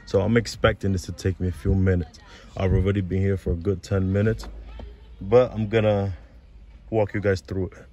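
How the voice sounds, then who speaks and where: A man's voice: low-pitched, flat delivery, normal speed, mellow. A man vlogging about his car in a hyped, slangy way, often calling out "baby". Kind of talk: casual DIY vlog.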